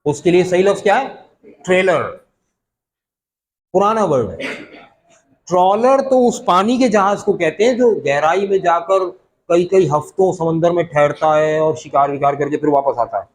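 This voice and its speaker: High-voiced man teaching English. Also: a little hiss or hum, low-quality recording. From Pakistan. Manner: reads English lines slowly, then explains in Urdu with questions to students. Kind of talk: classroom lecture explaining a text line by line.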